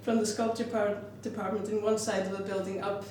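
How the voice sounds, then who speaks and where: An Icelandic glass artist talks about her work fairly quickly in a medium-pitched, level, darkish voice, often pausing as she searches for words. Her audio is very reverberant, recorded far from the mic amid background noise.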